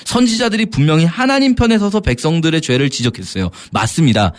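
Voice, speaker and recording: Animated man explaining scripture. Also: fairly high pitch, fast talker. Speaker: Bible teacher. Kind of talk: radio Bible explanation.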